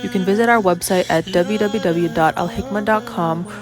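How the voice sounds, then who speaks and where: A woman's voice: medium pitch, normal speed. Woman reading an ad over music. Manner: even, clear reading. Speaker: announcer. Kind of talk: read advertisement. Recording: announcement over loud music.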